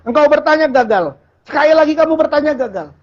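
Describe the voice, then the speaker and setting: A man's voice: very high voice, lively intonation, fast talker, muffled recording. A man preaching an informal Sufi sermon in a colloquial, joking way, often putting questions to the audience. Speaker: Islamic preacher.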